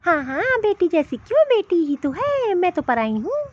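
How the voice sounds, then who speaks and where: A woman voicing a defiant, sharp-tongued young daughter in a cartoon, speaking scornfully. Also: very high-pitched, sing-song, normal speed, lo-fi sound. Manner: scornful, complaining. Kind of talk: Hindi cartoon voice acting.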